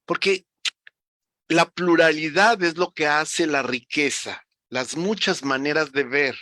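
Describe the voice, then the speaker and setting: Bright-voiced man explaining. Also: a little high, slow, dry recording, clean studio sound. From Mexico. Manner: reflective, teacherly, many restarts. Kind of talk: conversational explanation.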